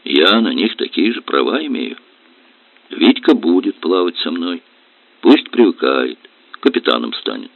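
A man voicing a weary, gruff barge captain and husband in a low, heavy voice, reading an audiobook. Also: big pitch swings, unhurried, no room sound, exaggerated voice. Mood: stubborn. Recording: dull lo-fi recording.

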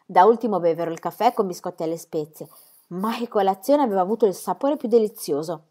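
A woman reading a children's book aloud in an expressive storytelling way. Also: medium pitch, fast talker. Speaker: reader.

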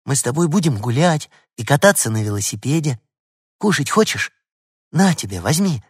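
A man voicing an eager, kind young girl in a storybook reading, coaxing and bright. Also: fairly high pitch, big pitch swings, moderate pace, slightly rough, dry recording, clean studio sound, pitched above the performer's own voice.

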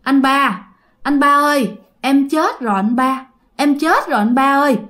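A woman's voice: high-pitched, moderate pace, a bit bright. A woman voicing the ghost of a drowned man, calling out plaintively with a Southern Vietnamese accent.

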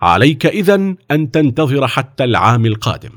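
A man's voice: medium pitch, very animated, a little fast, pitched above the performer's own voice. A man voicing a stern, firm army officer who gives orders. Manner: stern, commanding.

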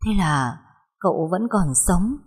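A woman's voice: on the low side, lively intonation, a little slow, breathy edge. A woman doing a desperate young wife. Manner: pleading, broken. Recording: long hall reverb.

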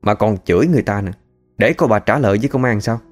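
A man's voice: on the low side, quick pace, darkish tone, faint music behind, natural voice. A man voicing a stern male temple caretaker who warns and threatens.

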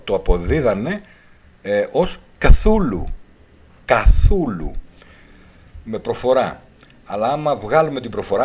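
A man's voice: on the low side, darkish tone, slightly rough. A man hosting a radio talk show, lecturing at length, spelling out letters one by one and repeating his key points. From Greece. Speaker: radio show host and author.

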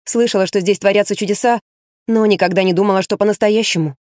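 An awkward, impulsive young woman, voiced by an audiobook narrator, speaking hesitantly in a quiet, unsure way. The recording is close and dry, with no room sound around the voice. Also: medium pitch, fairly even intonation, quick pace, dry recording, lightly acted.

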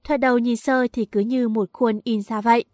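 A woman narrating a story aloud and voicing its characters' lines with pitch shifts. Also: fairly even intonation, moderate pace, darkish tone, no room sound, clean studio sound.

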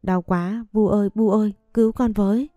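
A woman's voice: mid-range voice, fairly even intonation, normal speed, warm tone, dry recording, lo-fi sound, lightly acted. A woman voicing a spoiled grown son who whines and cries for his mother. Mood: wailing. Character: shrill spoiled man-child crying for his mother.

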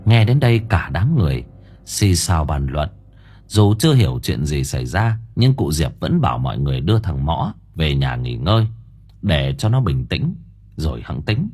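A man narrating an audiobook in a dramatic, expressive storytelling manner. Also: a bass voice, moderate pace, slightly rough, faint music behind.

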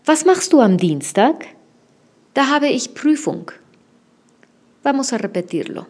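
Woman, language teacher, slow deliberate delivery, patient drills, careful enunciation. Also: high voice, sing-song, a little mellow. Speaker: German teacher.

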